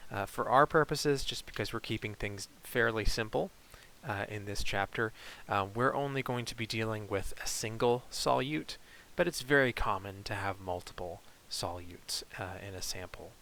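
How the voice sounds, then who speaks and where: A man teaching chemistry in a recorded online lecture, explaining in a relaxed way with frequent fillers. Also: on the low side, normal speed, vocal fry, hardly any pauses, low-quality recording.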